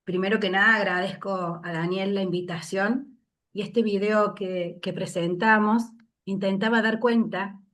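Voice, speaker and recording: A woman giving an invited talk over a video call, moved and reflective, pausing often with fillers. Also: mid-range voice. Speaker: invited speaker.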